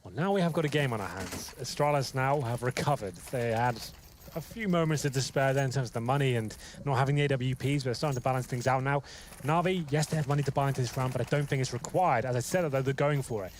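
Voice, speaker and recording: A man's voice: medium pitch, quick pace, a little hiss or hum. A man commentating an esports match as a caster, giving flowing, analytical play-by-play.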